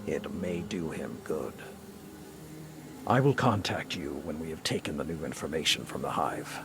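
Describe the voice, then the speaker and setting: An actor playing a stern, battle-hardened old warlord commander in a video game, solemn and weighty, with a deep gravelly voice. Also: male voice, animated, normal speed, background noise. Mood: solemn, reflective. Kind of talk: dramatic video game dialogue. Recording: music behind the voice.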